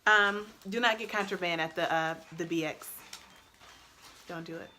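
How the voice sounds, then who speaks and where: A woman's voice: on the low side, moderate pace, a little hiss or hum. A young adult woman who served in the army, chatting expressively and laughing often as she gives casual advice on her vlog. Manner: chatty and expressive, laughs often, loud and bold when excited. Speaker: vlogger and army soldier.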